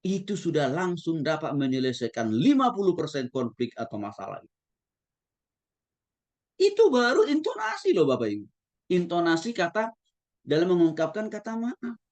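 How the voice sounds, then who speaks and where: A man who is a pastor, lecturing at a Bible school in an animated way and often addressing his listeners directly. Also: fairly high pitch, normal speed, long pauses. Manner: animated, demonstrates tones of voice, addresses the audience often. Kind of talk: theology lecture.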